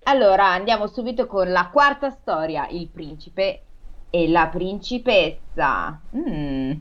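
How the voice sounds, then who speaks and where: A woman's voice: lowish voice, animated, takes it slowly. A woman co-hosting, reading a fairy tale aloud and breaking off into jokes. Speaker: co-host and reader. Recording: dull lo-fi sound.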